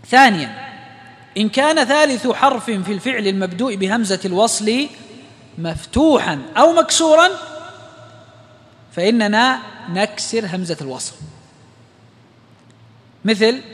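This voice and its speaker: A man's voice: sits high, expressive, normal speed, long pauses, a bit bright, big-room sound. A man teaching a lesson on Quran recitation rules, explaining step by step and quoting verses and poetry. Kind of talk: religious lesson lecture.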